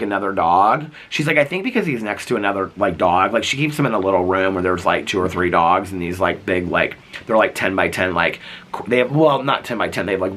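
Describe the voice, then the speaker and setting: An American man rambles through a casual, chatty vlog while sick and losing his voice, filling it with "like" and "um." His voice sits on the low side, with a bright, forceful tone.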